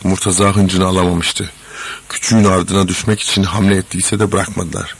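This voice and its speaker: A man reading a story aloud in measured, dramatic scripted narration. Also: deep voice, level tone, a little hiss or hum. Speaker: audiobook reader.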